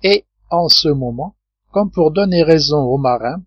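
Male narrator for a classic novel audiobook; steady, measured delivery, dull dry recording. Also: fairly high pitch, slightly rough, dry recording.

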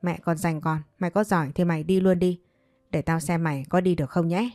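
A woman's voice: lowish voice, steady tone, fairly quick, a little mellow, no room sound, studio quality, soft background music, close to an everyday voice. A woman reading the lines of a harsh, accusing middle-aged mother in a storybook narration, in a coarse and contemptuous manner. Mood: scornful.

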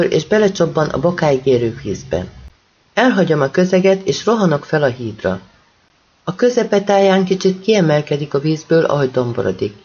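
A man's voice: on the high side, darkish tone, lo-fi sound. A man reading a first-person audiobook with urgent, intense storytelling. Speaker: audiobook reader.

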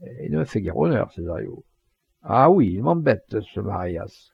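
Boastful rustic poacher read by a man, gravelly, husky, lively, dry lo-fi audiobook. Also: on the low side, normal speed, dry recording, exaggerated voice. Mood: vexed. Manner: earthy, plain-spoken, emphatic. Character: blunt, boastful rustic male poacher-hunter.

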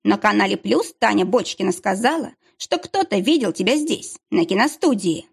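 A woman voicing a whiny, pleading middle-aged ex-husband with a drawn-out, whining delivery. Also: medium pitch, lively intonation, gravelly, slightly rough.

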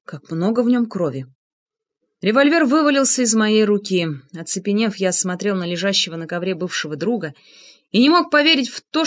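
A woman narrating an audiobook with an expressive, dramatic reading. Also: mid-range voice. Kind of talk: scripted narration.

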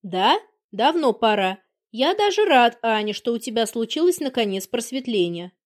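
A woman's voice: fairly high pitch, very animated, moderate pace. A woman reading an audiobook voices a smug, cynical man who talks in a cool, offhand way. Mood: sarcastic.

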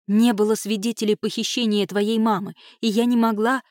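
A woman's voice: on the high side, steady tone, moderate pace, darkish tone, no echo, studio quality, natural voice. A woman reading as a stern, defensive aunt. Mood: firm, harsh. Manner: firm, defensive, snapping. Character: stern aunt, guarded and quick-tempered. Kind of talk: audiobook character voicing.

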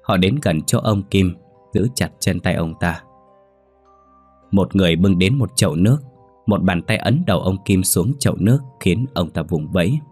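A man narrates a ghost story in a steady, measured way. His voice is deep and husky. Soft music plays faintly behind him. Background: faint background music.

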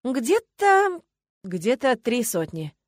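A woman's voice: fairly high pitch, huge pitch swings, takes it slowly, dry recording, studio quality, voice pushed up, full character voice. A woman reading the part of a young man who is a dragon, composed and matter-of-fact.

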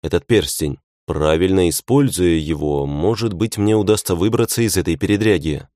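A young man reads a first-person fantasy audiobook in a low voice. His delivery is tense and wry, like an inner monologue. The sound is dry and close. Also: moderate pace, a little mellow, dry recording. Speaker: audiobook narrator.

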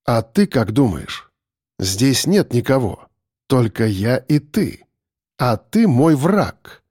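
A man voicing a resolute male detective who speaks slowly and coldly. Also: medium pitch, big pitch swings, a little mellow, breathy edge, dry recording, clean studio sound, full character voice. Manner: slow, cold, measured.

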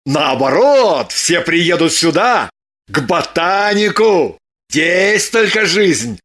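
Woman doing a suspicious excitable man, agitated, animated pitch, unhurried. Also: exaggerated voice. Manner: exclaiming, agitated. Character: excitable, suspicious young-ish man, her lover.

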